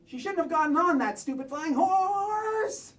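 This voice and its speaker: A woman voicing an excitable, melodramatic puppet adventurer in an exaggerated, emphatic comic style. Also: extremely high pitch, measured pace. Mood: indignant. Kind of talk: comic puppet-show acting. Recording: distant mic with light noise.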